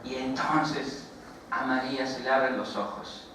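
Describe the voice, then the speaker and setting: Slow-preaching Mexican pastor in echoey church. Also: male voice, mid-range voice, steady tone, sharp tone, a little hiss or hum. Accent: Mexican Spanish. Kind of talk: sermon. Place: church sanctuary. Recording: very echoey church, voice from far off the mic.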